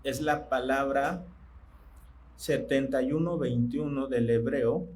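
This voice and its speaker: A man preaching a sermon in church, speaking conversationally and asking his congregation questions that he pauses to let them answer. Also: mid-range voice, steady tone, a little mellow, low-quality recording.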